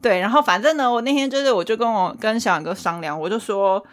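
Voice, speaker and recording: A woman from Taiwan in her thirties, co-hosting a casual chat podcast and telling stories in an animated way, laughing often. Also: mid-range voice, fast. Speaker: podcast co-host.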